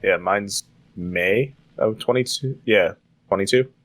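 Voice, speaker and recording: Low-pitched guy on a gaming podcast, blunt and swears a lot. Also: slow. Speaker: podcast co-host. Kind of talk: casual chat.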